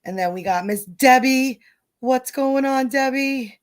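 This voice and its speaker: Excitable New York woman hosting a stream. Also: high-pitched, unhurried. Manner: excitable, greets viewers by name, laughs often. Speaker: host. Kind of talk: casual live-stream chat.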